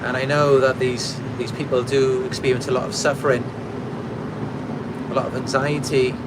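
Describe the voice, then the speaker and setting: A Welsh man with a mid-range voice and flat, normal-paced delivery hosts a channel, reading viewer comments aloud and answering them reflectively and casually, with fillers and restarts. He talks to camera in a very noisy recording.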